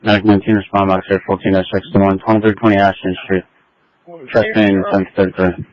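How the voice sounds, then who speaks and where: A man's voice: deep voice, flat delivery, quick pace, highs cut off. A man reading out fire dispatch announcements over a two-way radio.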